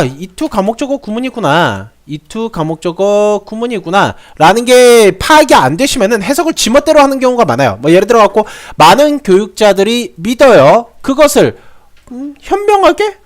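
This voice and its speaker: A man's voice: high-pitched, sing-song, a little fast, few pauses. A young man who teaches English grammar to students, talking in a chatty way, repeating phrases and asking rhetorical questions. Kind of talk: explanatory grammar lesson.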